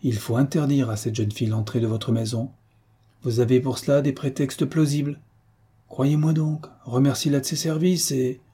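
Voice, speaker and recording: Man reading as a stern, unctuous priest, husky, mellow, audiobook. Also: mid-range voice, steady tone, normal speed, close to an everyday voice. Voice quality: oily, smooth-talking and stern. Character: unctuous scheming older male priest.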